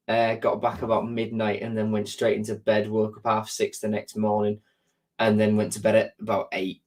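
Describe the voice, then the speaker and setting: His voice fairly low and audibly congested from a sore throat and stuffed nose, a male streamer chats comfortably with his audience. He reads out viewer comments and answers them, rambling on with ums and repeated words to fill the gaps.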